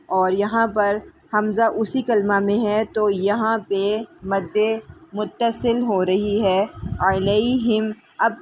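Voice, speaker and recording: A woman teaching tajweed, explaining the rules quickly and reciting verses slowly with long drawn-out vowels. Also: medium pitch. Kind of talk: tajweed lesson.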